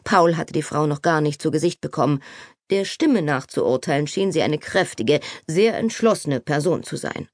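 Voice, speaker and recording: A woman narrating a novel as an audiobook, expressive and animated. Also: sits low, moderate pace, no echo, clean studio sound. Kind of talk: scripted narration.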